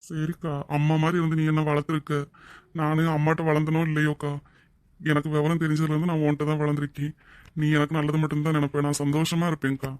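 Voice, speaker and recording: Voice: mid-range voice, completely flat delivery, quick pace, darkish tone, no echo, close to an everyday voice. A voice actor playing a grateful young policeman and devoted younger brother in a cartoon drama, speaking in an earnest, emotional way. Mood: tearful. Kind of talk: Tamil cartoon drama voice acting.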